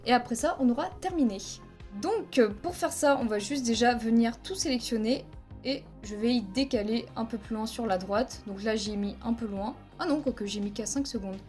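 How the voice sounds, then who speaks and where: A woman with a slightly high, darkish voice talks at a moderate pace over faint music. Using a headset mic, she walks through a screen-recorded video editing tutorial, explaining each step plainly and counting frames aloud.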